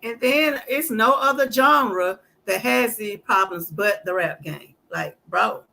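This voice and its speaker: A woman's voice: mid-range voice, slow pace, gravelly, pushed and bright. A woman hosting a casual talk show, chatting loosely about the news. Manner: reads a letter aloud; loose, conversational. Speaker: podcast host. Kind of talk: casual chat.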